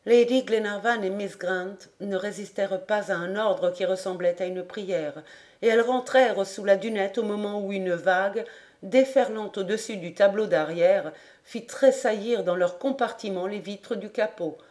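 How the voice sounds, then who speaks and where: A woman's voice: mid-range voice, normal speed. Woman reading a classic adventure novel. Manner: steady, expressive reading. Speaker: audiobook narrator.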